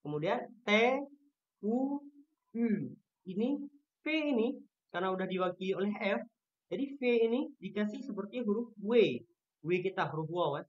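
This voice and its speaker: A Turkish language teacher from Indonesia giving an online lesson with a shared screen, patiently repeating each letter sound slowly to show how it is pronounced. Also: mid-range voice, expressive, darkish tone, lo-fi sound.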